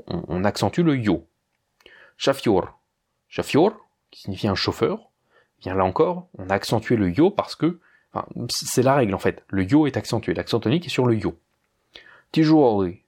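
A man's voice: fairly low pitch, darkish tone, husky. A man teaching a language lesson, explaining a rule patiently and speaking straight to the learner. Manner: patient, addresses the learner directly.

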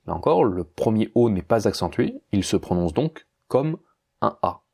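A man with a low, slightly husky voice and a dark, mellow tone. He teaches a lesson in a patient, explanatory way, restating points and circling back to make them clear. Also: sing-song, moderate pace. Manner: patient, repeats and rephrases as he explains. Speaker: language teacher.

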